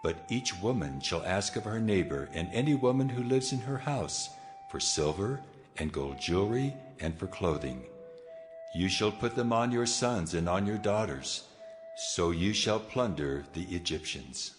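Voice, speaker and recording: A deep, commanding God in vast reverb. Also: male voice, sing-song, measured pace. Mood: solemn, promising. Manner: solemn, declamatory, authoritative. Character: God, commanding, solemn, almighty male deity. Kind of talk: dramatized scripture audio acting. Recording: long reverb over loud music.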